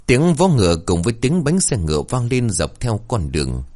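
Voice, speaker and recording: A man narrating a horror story in a dramatic, expressive reading. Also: mid-range voice, normal speed.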